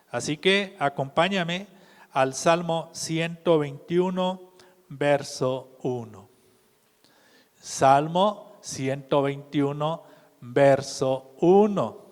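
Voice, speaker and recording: A man preaches at a slow, deliberate pace, his voice sitting a little high for a man. He keeps turning to the congregation with questions. The sound carries a long reverb from a church hall. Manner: measured, asks the congregation questions. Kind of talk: sermon.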